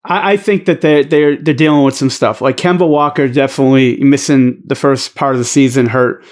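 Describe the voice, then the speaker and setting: A man with a Boston accent speaks at a middle pitch, giving his take as a podcast guest. He is blunt and emphatic, swears freely, and often restarts his sentences as he pushes his point. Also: fairly even intonation, fairly quick. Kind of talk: casual podcast chat.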